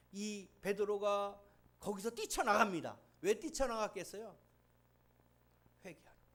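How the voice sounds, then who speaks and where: A man pastor preaching a sermon in animated storytelling, swinging from loud exhortation to hushed asides. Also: high-pitched.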